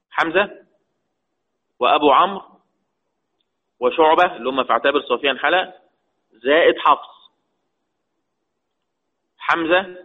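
A man with an Egyptian accent teaching Quran recitation rules, asking the class questions and answering them himself, drawing out key terms slowly. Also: fairly high pitch, breathy edge. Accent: Egyptian Arabic. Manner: slow, drawn-out stress on key terms. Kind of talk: lecture mixing colloquial and formal Arabic. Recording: tinny phone-like lo-fi audio.

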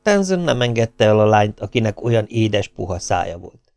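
A man narrates a novel with a lively, expressive voice that rises and falls. His pitch sits in the middle range. The recording is dry and close to the mic. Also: vocal fry, no echo. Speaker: audiobook narrator. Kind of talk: scripted narration.

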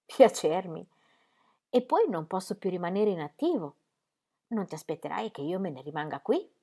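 A woman's voice: lowish voice, big pitch swings, moderate pace, mellow, slightly rough, exaggerated voice. A woman reading an audiobook, voicing a restless, demanding young male artist in impassioned, pleading outbursts. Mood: exasperated.

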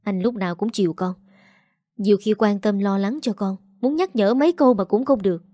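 A woman reading the lines of a fussy middle-aged mother who scolds in a brisk manner. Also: medium pitch, warm tone, dry recording, studio quality, lightly acted. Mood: grumbling.

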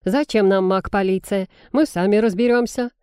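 A woman reading an audiobook voices a scheming widow who hisses threats and turns shrill. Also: normal speed, warm tone, dry recording, studio quality, lightly acted.

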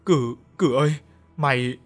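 A man's voice: medium pitch, measured pace, soft background music, lightly acted. A man voicing a distraught young male mine worker who stammers and cries out in grief. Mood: grieving.

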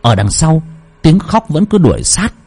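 A man narrating a horror story dramatically, with sweeping swings in pitch. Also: very animated, normal speed, darkish tone, husky.

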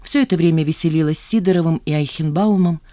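An audiobook narrator reading a novel in an even, measured way. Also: mid-range voice, no room sound, studio quality. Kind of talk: scripted narration.

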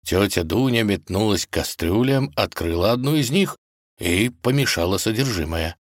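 A man reading a fairy tale aloud in an expressive storybook manner. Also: on the low side, moderate pace, no echo, clean studio sound. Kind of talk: storybook narration.

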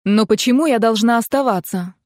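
A woman reading the part of a proud, defiant young noblewoman in an audiobook, speaking in a cold, cutting, measured way. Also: on the high side, a little mellow, no echo, studio quality, close to an everyday voice.

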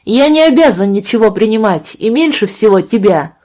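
A woman's voice: medium pitch, animated, moderate pace, darkish tone, natural voice. A woman voicing an angry, hurt teenage boy who speaks sharply and bitingly, in an audiobook. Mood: bitter.

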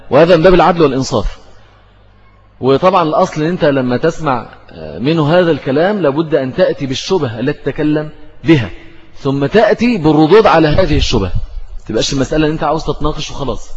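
Husky Egyptian teacher in echoing hall. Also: male voice, on the high side. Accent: Egyptian Arabic. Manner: asks and answers his own questions. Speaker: religious teacher. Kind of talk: religious lesson explaining hadith. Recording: dull, reverberant hall recording.

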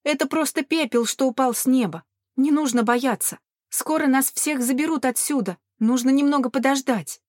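A woman voicing a mother calmly reassuring her little daughter. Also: high-pitched, normal speed, dry recording, studio quality, pitched above the performer's own voice, natural voice. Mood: soothing. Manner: gentle reassuring.

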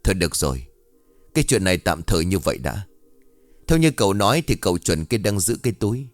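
Man reading a steady police officer, low, measured, audiobook role. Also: dry recording, soft background music. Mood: calm. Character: composed police captain, methodical.

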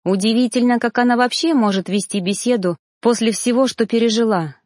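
A woman reads a first-person fantasy audiobook in a measured, even manner. Her voice is fairly high, and the recording is dry and close, without echo. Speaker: audiobook narrator.

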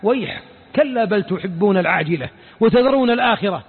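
High, husky Saudi sheikh in reverb. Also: male voice, lively intonation, fast talker. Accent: Saudi Arabic. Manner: rhetorical questions, acts out quoted people. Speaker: sheikh giving a religious lesson. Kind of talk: colloquial mosque lesson. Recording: lo-fi phone-like audio with long reverb.

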